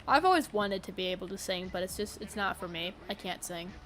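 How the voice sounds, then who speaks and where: A woman's voice: medium pitch, expressive, a little fast, fairly bright tone. A woman chatting casually while streaming a game, tired and yawning, rambling with lots of fillers and giggles.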